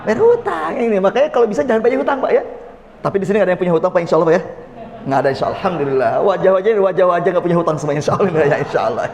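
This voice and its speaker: A man's voice: sits high, animated, very fast, creaky, darkish tone. A man preaching a folksy, joking mosque sermon, often calling on his listeners directly. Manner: folksy, jokes with the audience, addresses "Pak". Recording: long reverb of a mosque hall.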